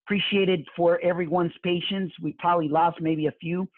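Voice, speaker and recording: Over thin, phone-like webinar audio with no room sound, a man with a Mexican Spanish accent hosts a real estate session. His high voice moves briskly with fairly even intonation. He aims to be motivational, yet he keeps stumbling, filling gaps and starting sentences over.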